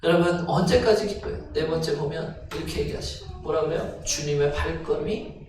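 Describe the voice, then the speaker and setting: A male pastor preaching a sermon, asking the congregation questions and rising to near-shouts. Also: fairly high pitch, brisk. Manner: talks straight to the congregation with questions. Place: church sanctuary. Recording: echoey church hall, distant mic, noisy.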